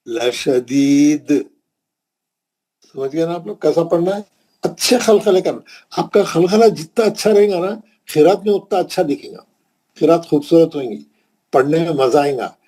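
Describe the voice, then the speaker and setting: A man's voice: a little high, normal speed, warm tone, breathy edge. A man from India with a Hyderabadi Urdu accent, teaching a Quran recitation class patiently, repeating points and checking in with his students. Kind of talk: classroom lesson.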